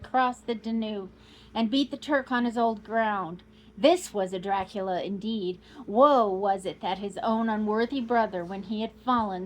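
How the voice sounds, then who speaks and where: A woman reading aloud as a proud, boastful old male count, declaiming grandly and rising to loud outbursts. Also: a little high, natural voice, poor audio.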